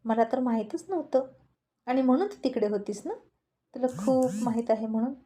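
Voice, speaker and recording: Woman reading short-tempered young husband, curt, irritated, dark mellow tone, slightly high pitch. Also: a little slow, lightly acted. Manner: irritated, curt, mixes English phrases.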